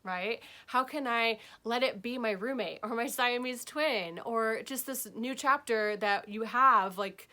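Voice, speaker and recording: A woman's voice: fairly high pitch, a little slow, few pauses, sharp tone. A woman giving a casual spiritual talk as a healing arts teacher, chatty and often checking in with "okay?" and "right?".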